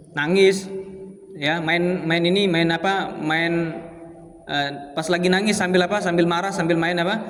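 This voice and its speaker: A man's voice: high voice, fairly bright tone. A man teaching an Islamic study circle in a mosque, explaining Arabic texts in casual speech and often asking his listeners rhetorical questions. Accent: Indonesian, Palembang. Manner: asks the audience rhetorical questions and answers them; explains Arabic text phrase by phrase in casual Indonesian. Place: large mosque hall. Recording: long reverb of a mosque hall.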